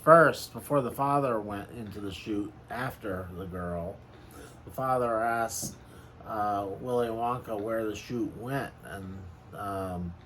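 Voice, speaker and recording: A man with an unhurried, slow delivery recounts a film in casual conversation. He is halting and hesitant, choosing rather formal words. Some ambient noise sits behind his voice. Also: lowish voice, a bit bright, low-quality recording. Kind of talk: casual chat retelling a film.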